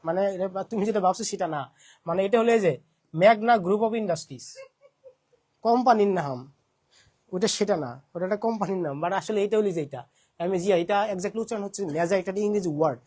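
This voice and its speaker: High-voiced young Bangladeshi man teaching. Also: fairly quick, a little mellow. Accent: Bangladeshi Bengali. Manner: asks questions, repeats points. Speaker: English teacher. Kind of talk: admission-prep lesson.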